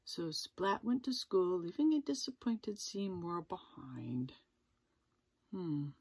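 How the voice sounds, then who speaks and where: Lively woman reading a storybook aloud. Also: fairly low pitch, slow, husky, no room sound. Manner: gentle, lively, with asides to viewers. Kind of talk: storybook read-aloud for children.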